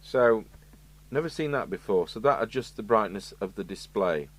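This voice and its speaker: Working in an indoor electronics workshop, a man from the United Kingdom thinks aloud in a lowish voice with lively intonation and normal speed. He's a radio repair technician presenting a review, matter-of-fact and musing as he talks to himself. Clear background noise and electrical hum run through the recording.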